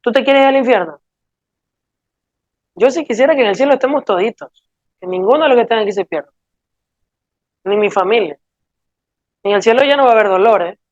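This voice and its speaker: A woman's voice: a little high, fairly quick, long pauses, darkish tone, no room sound. Earnest woman preacher, lo-fi sound. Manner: earnest, pleading, asks rhetorical questions. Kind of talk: sermon. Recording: dull lo-fi dry sound.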